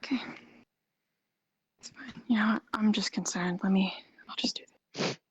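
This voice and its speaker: A woman whispering a healer's part in a roleplay, with a breathy whisper and a soft, concerned, gentle manner. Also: mid-range voice, unhurried, dry recording.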